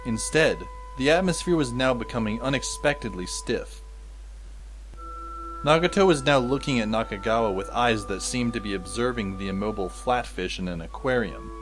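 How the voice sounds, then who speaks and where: In this fan audio drama, the narrator and lead actor portrays a wry, exasperated teenage schoolboy telling his story in a dry, sardonic way. His voice is mid-range, a bit bright and natural, with lively intonation at a moderate pace, and faint music sits behind the scripted first-person narration.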